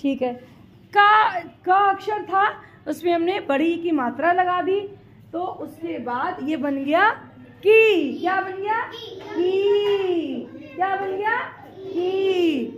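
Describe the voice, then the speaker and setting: Very high, very slow woman teacher. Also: muffled recording. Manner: slow, drawn-out, repeating questions and answers. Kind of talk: teaching children Hindi letters.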